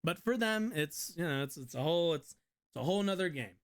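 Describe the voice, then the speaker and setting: A man with a fairly high voice talks through a live stream, blunt and mocking. He rambles with plenty of fillers and restarts as he reacts to clips. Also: animated, brisk. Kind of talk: casual political commentary stream.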